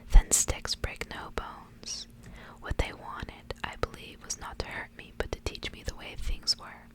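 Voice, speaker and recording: A woman reads a literary story aloud at a measured pace, in a breathy, hushed whisper. Her gentle narration follows the style of an ASMR reading.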